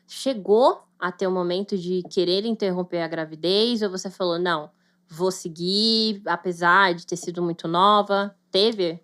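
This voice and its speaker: Brazilian woman asking gentle questions. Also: on the low side, steady tone, normal speed, hardly any pauses, smooth. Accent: Brazilian Portuguese. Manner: asks gentle probing questions. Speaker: podcast co-host. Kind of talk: casual chat, interviewing.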